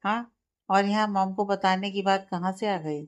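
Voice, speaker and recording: A woman's voice: medium pitch, steady tone, moderate pace, natural voice. Woman voicing an exasperated young man. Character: young man, irritated but caring husband.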